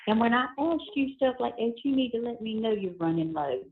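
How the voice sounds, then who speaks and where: A middle-aged woman chats on a family phone call in a folksy, familiar way. Her voice sits a bit high and comes through a thin, narrow phone line. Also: expressive, brisk, slight background noise. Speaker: relative receiving an inmate's call.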